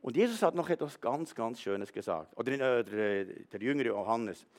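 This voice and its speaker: A man's voice: medium pitch, animated, moderate pace, a little mellow. A man preaching a sermon, retelling a story with animation and speaking straight to the congregation. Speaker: pastor.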